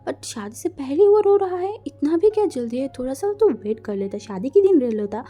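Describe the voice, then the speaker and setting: A woman's voice: a little high, moderate pace, dark tone, slightly rough. A woman voicing a gossipy, wisecracking young man in a storybook reading. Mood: joking. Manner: offhand, joking.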